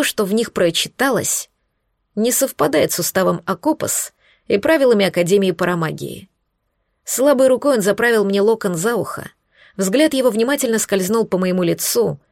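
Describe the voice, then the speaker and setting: A woman reading a first-person audiobook in an expressive, steady storytelling manner. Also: medium pitch, normal speed, gravelly, dry recording, clean studio sound. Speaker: audiobook narrator.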